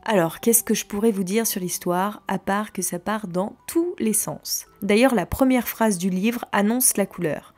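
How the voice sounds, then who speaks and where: Woman, young adult, podcast host, book review, measured reading, mid pitch. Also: darkish tone.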